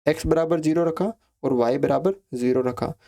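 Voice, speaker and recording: A man teaching a maths lesson, explaining each step slowly, counting values aloud and checking in with his students. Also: a little high, gravelly, mellow. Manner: asks students questions, repeats phrases like ठीक है.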